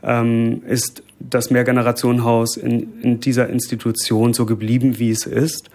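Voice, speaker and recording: A man's voice: mid-range voice, completely flat delivery, moderate pace, darkish tone. A man from Bremen, raised bilingual, speaking as an interview guest in a thoughtful, hesitant way with many fillers. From Germany, Bremen. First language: bilingual Lebanese Arabic and German. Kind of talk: conversational interview.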